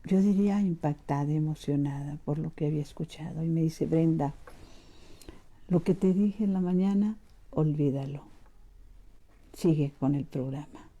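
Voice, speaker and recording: A middle-aged woman preaching a personal testimony, her voice low-set and mellow. She tells her story warmly to her listeners, climbing higher for emphasis and then dropping to a hushed near-whisper. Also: normal speed, pauses often. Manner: storytelling, addresses listeners as brothers, rising and hushing for emphasis. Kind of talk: testimony sermon.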